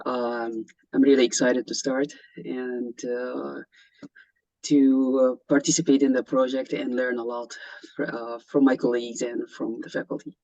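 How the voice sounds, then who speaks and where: A woman's voice: extremely low pitch, flat delivery, normal speed, dark tone. A woman originally from Egypt introducing herself on a video call, hesitant and full of fillers. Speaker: fellowship participant. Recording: dull, dry video-call audio.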